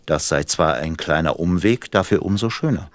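A man narrating a radio drama in a calm, measured storytelling voice. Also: deep voice.

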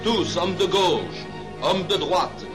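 A man's voice: high-pitched, slow pace. A man announcing in an old newsreel clip, declaiming in a list-like way. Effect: old newsreel archive clip. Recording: old newsreel sound with music. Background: music.

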